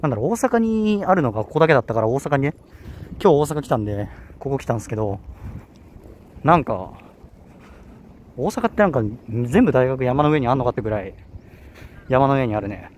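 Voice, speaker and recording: Young male vlogger, Kanto accent, rambling and self-correcting, mid-pitched, light outdoor hiss. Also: animated, fairly quick, pauses often, darkish tone. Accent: Kanto Japanese. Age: young adult. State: slightly out of breath. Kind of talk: casual walking vlog. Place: outdoors on a hilly university campus. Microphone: handheld camera.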